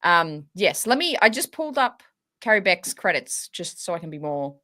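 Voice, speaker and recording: A woman's voice: on the low side, big pitch swings, normal speed, sharp tone. An Australian woman co-hosting a fan talk show, chatting casually in an informal, slangy and enthusiastic way. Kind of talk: casual chat.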